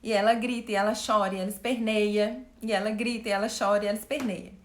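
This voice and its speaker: A woman coach speaking live to her viewers, animated, asking them questions and acting out what people say. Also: medium pitch, fast, echoey room. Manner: animated, asks the audience questions, acts out quotes. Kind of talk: live-stream talk to viewers.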